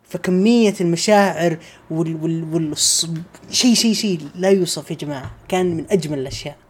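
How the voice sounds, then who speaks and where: A woman's voice: on the low side, fast talker, a little mellow, slightly rough. A woman reviewing a video game in casual chat, speaking emphatically and piling up repeated phrases. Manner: emphatic, listing with repetition.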